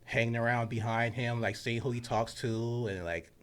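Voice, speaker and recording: A young man, a sports journalist, tells a story in casual podcast chat, animated and full of fillers, dropping low when he quotes his own thoughts. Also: normal speed, clean tone. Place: outdoors on college grounds.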